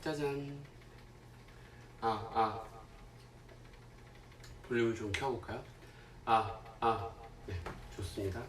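A man chatting casually to viewers as a livestream host, haltingly, with long pauses and murmured asides. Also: fairly low pitch, slight background noise. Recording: roomy echo, distant mic, faint music.

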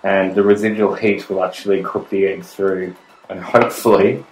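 A man's voice: low voice, level tone, moderate pace, a little mellow, a little hiss or hum. A middle-aged man hosting a casual cooking demonstration in his home kitchen, chatting through tips as he works. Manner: chatty, gives tips while working at the stove. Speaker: cooking show host. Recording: echoey kitchen with pot and cutlery clatter. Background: cutlery and pan clatter.

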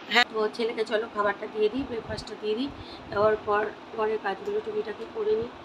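A woman with a hoarse voice, chatting tiredly through a casual home vlog. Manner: tired, low-energy chatter. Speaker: vlogger. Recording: noisy home recording.

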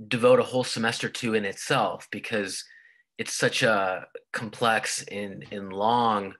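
In a recorded online lecture, a man explains university material at length over slides, often restarting and repeating words. His voice is lowish with a sharp tone.

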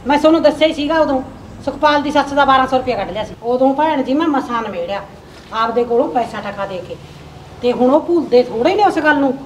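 A woman plays a fretful rural mother with a Malwa Punjabi accent, her voice high as she pours out her grievances, with faint ambience behind her. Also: quick pace, slight background noise, lightly acted, poor audio. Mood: aggrieved. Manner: complaining, confiding. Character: worried village mother confiding troubles. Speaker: actor. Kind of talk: village short film acting.

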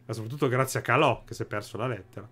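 A man's voice: medium pitch, very fast, fairly bright tone, breathy edge. A man hosting a casual let's-play, commenting on the game with jokey, chatty asides. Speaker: gaming video host. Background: faint game music.

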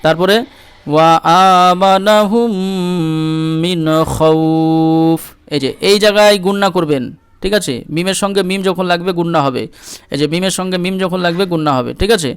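Man, patient Quran tutor; high, smooth voice, dry close sound. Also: no room sound. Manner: slow syllable-by-syllable spelling, drawn-out melodic recitation. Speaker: Quran recitation teacher. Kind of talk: spelling-and-recitation lesson.

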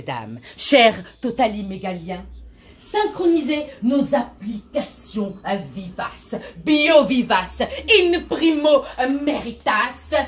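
A woman playing a grandiose self-esteem coach who preaches in a mock-solemn way, with a big cathedral-like echo around her voice. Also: on the high side. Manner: preachy mock-solemn call-and-response, mixes English jargon. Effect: big resonant cathedral-like echo. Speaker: stand-up performer. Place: large resonant venue. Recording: echoey room, mic far off.

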